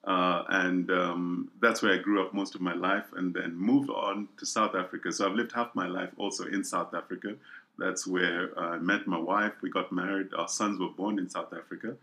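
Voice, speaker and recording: Middle-aged man, guest sharing his testimony; low-pitched, earnest, circles back over words. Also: fairly even intonation, normal speed, pushed and bright. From Kenya. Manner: earnest, repeats words as he thinks. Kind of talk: personal testimony in interview.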